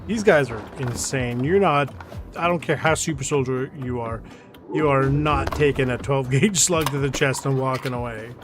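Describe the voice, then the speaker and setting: A man's voice: mid-range voice, normal speed, music in the background. A young man giving casual, rambling commentary on his game stream, chatting with viewers and laughing easily. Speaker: gaming streamer. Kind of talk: casual let's-play commentary. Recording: game gunfire and noise behind voice. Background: game sounds, gunshots.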